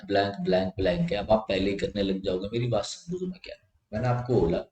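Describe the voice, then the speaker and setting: A man explains grammar to exam students in a warm, relaxed voice that sits at a middling pitch. He repeats each point and sounds out vowels one by one, often stopping to ask whether they follow. The room around him rings with an echo. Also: a little hiss or hum. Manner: repetitive, checks understanding with "theek hai", drills sounds aloud. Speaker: English grammar teacher. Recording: echoey room.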